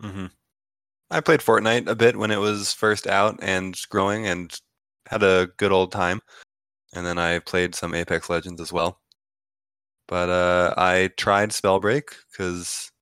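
A young man with a very deep, smooth voice hosting a casual chat about games. His humor is dry and understated. The sound is close and dry, with no room echo. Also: fairly bright tone. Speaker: podcast host.

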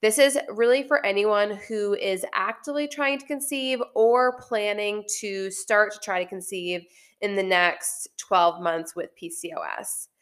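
A woman's voice: mid-range voice, measured pace, a bit bright, clear, resonant tone. A woman with a slightly congested voice hosting a health podcast, explaining things in a friendly, casual way. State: congested, recovering from illness. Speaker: podcast host, naturopathic doctor.

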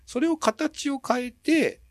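A man's voice: extremely high pitch, slow pace, no room sound, clean studio sound. A middle-aged Japanese man hosting a casual radio chat, explaining at length in a rambling way with frequent chuckles. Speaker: radio show host.

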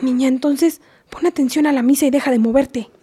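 A woman's voice: high voice, fairly even intonation, a little fast, mellow, slightly rough. A woman playing a scolding but loving mother with a Mexican accent, lecturing her daughter in a comedy sketch. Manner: scolding, lecturing, half-whispered.

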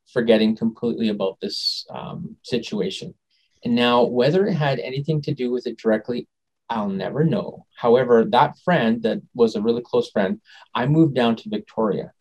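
A man being interviewed as a guest, telling a personal story in a rambling, animated way and often trailing off and restarting. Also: mid-range voice, low-quality recording. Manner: animated, acts out quoted dialogue.

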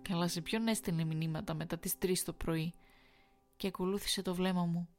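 A woman reading a first-person horror story aloud in a measured, suspenseful storytelling manner. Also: fairly low pitch, steady tone, faint music behind. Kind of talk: scripted horror story narration.

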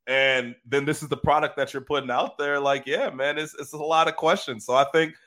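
A man co-hosting a sports podcast, talking in casual, animated, profane banter, often laughing. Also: a little high, brisk.

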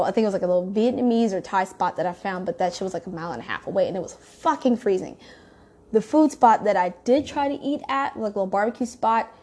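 A woman's voice: mid-range voice, darkish tone. Profane, rambling woman telling a story. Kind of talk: casual storytime monologue.

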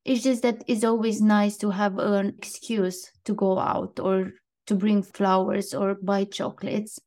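A woman's voice: medium pitch, level tone, measured pace, a little mellow. A woman co-hosting a casual podcast, talking in an easy chat and reading quotes aloud. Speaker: podcast co-host.

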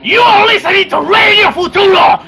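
A man voicing a hyped male rock radio announcer in a parody jingle, shouting with a gravelly voice. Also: very high voice, moderate pace, soft background music, voice pushed up, full character voice.

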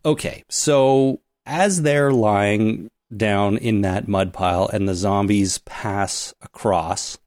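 A man's voice: lowish voice, takes it slowly, few pauses, a little mellow, dry recording, clean studio sound. A man co-hosting a casual podcast, explaining things at length and giving spoiler warnings. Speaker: podcast co-host.

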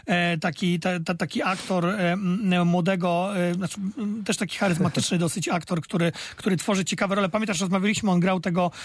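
A man's voice: sits high, steady tone, brisk, hardly any pauses, no echo. A man co-hosting a casual film review chat, talking with many hesitant fillers and restarts.

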